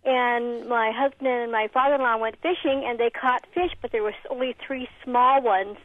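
A woman's voice: on the high side, normal speed, no echo. A woman calling in to a radio show, telling a story in a chatty, rambling way over a tinny phone line.

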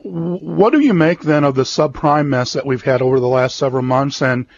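A man's voice: medium pitch, moderate pace, vocal fry, no room sound. Man on muffled AM radio. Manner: plain, conversational questioning. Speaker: radio host. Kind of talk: radio market interview.

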